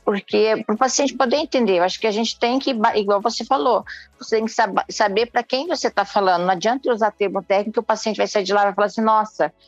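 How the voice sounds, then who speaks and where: A woman's voice: mid-range voice, fast, dry recording, faint music behind. Brief: woman doctor, explanatory, restarts phrases, dry lo-fi audio. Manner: explanatory, self-correcting. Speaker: gynecologist-obstetrician. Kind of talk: podcast conversation.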